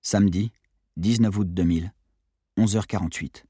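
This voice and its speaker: A man narrating a first-person audiobook in an expressive, measured storytelling voice, recorded close in a booth. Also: low voice, husky, no echo.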